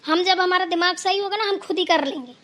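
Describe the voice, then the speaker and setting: A woman's voice: very high-pitched, a little fast, sharp tone. Woman voicing a worried village daughter-in-law. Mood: stern. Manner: plaintive, scolding when provoked. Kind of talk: cartoon voice acting.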